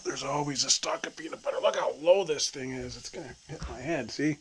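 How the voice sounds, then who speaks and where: A man's voice: mid-range voice, brisk, husky. A man filming a casual farm vlog outdoors in the rain, exasperated and laughing at himself, getting winded as he hops around. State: out of breath. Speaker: farm vlogger.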